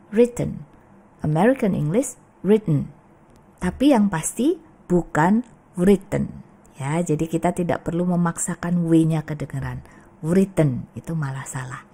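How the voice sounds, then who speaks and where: A woman's voice: medium pitch, warm tone. A woman teaching English pronunciation, patiently repeating each word several times. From Indonesia. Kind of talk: explaining lesson, modeling pronunciations.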